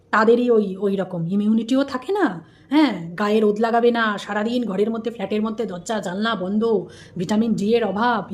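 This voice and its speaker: A woman's voice: mid-range voice, darkish tone. A woman from India hosting a casual commentary vlog, chatty and scolding, repeating herself and tossing rhetorical questions at viewers. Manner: scolding, repetitive, rhetorical asides. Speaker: host.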